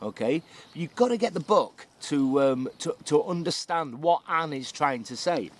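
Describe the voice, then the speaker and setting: Male vlogger, instructor type, slightly high-pitched voice. Casual, explanatory outdoor piece to camera, checking in with the viewer. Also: animated, normal speed. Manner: conversational, explanatory, often checking in with "okay" and "yeah". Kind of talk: casual book review to camera. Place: outdoors beside a stream.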